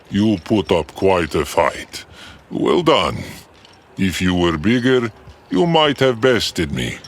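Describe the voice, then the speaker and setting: A man voicing a scheming Boryot outlaw who talks smoothly and slyly in a slow drawl. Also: fairly low pitch, heavily acted.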